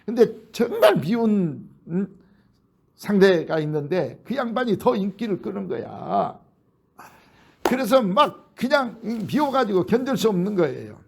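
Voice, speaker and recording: Male pastor, high voice with gravel, lively storyteller in a sermon. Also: measured pace. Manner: animated storytelling, acting out quoted voices. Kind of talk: sermon, retelling a film. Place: church.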